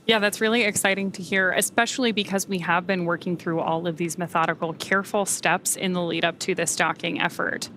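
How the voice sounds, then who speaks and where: A woman's voice: on the low side, fairly even intonation, a little fast, hardly any pauses, fairly bright tone, slight background noise. A woman giving live space mission commentary in polished, formal, descriptive phrasing.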